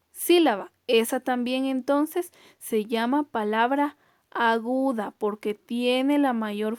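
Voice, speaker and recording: Slow, careful woman teacher. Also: a little high, a little mellow, no echo, studio quality. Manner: careful, stretches example words slowly syllable by syllable. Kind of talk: recorded online class explanation.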